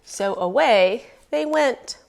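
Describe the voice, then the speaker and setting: A woman reads a children's storybook aloud as the storyteller, expressive and emphatic, lingering over phrases. Her voice is fairly high and gravelly, and she reads slowly.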